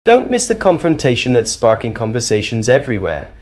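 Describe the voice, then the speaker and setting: A man's voice: mid-range voice, big pitch swings, a little fast, darkish tone. A man narrating scripted voice-over commentary in an opinionated, declamatory way.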